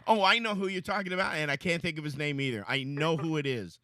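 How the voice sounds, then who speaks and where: A man's voice: fairly high pitch, quick pace, bright, forceful tone, dry recording. A man hosting a conversational interview in an eager, agreeable, joking way. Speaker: interviewer, program host.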